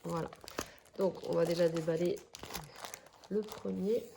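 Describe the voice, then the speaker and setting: A woman's voice: lowish voice, steady tone, gravelly, background noise. A woman with a French accent chatting casually as she unboxes craft kits, hesitant and full of fillers. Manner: slow and hesitant, many fillers. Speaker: crafts vlogger.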